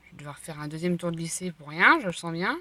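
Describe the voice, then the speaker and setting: A chatty woman streamer reads a visual novel aloud and breaks off to laugh and react. Her voice is bright and forward. The recording is close and dry. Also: on the low side, lively intonation, quick pace, no echo. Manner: chatty, laughs often, comments between lines.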